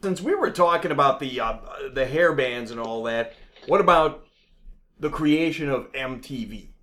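A man's voice: medium pitch, animated, moderate pace, fairly bright tone. A man hosting a casual chat, laughing often and repeating words as he starts.

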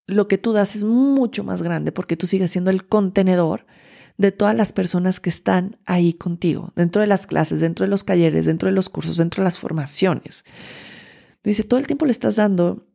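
A woman hosts her own podcast and tells a personal story. Her voice is dark and mellow with a gravelly edge of vocal fry. She talks in an earnest, confiding way, often stopping to restart a thought or add a filler. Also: mid-range voice, fairly even intonation, normal speed. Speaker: podcast host and teacher.

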